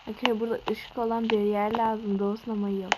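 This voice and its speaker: A woman's voice: mid-range voice, flat delivery, fast talker. Chatty woman gamer, noisy mic. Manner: chatty, addresses viewers as friends, often drops to a murmur. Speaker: gaming youtuber. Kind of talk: casual game commentary.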